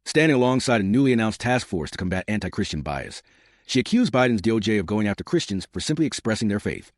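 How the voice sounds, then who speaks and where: A man's voice: lowish voice, sing-song, fast, no room sound, studio quality. A man hosting a news commentary channel, delivering scripted political narration in punchy, dramatic, emphatic phrases. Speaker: YouTube news commentary host.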